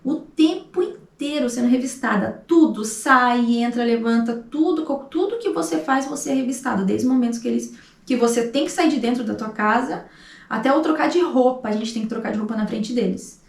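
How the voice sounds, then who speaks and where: With a fairly high, gravelly voice and a slightly fast delivery, a woman in her thirties who vlogs with a Brazilian Portuguese accent tells a personal story with emotion and acts out the dialogue. The audio is echoey, with the mic placed at a distance.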